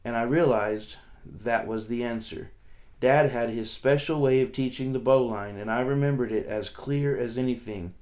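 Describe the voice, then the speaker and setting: A man's voice: mid-range voice, normal speed. Man reading a story aloud. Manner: steady, plain storytelling with small restarts. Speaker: teacher.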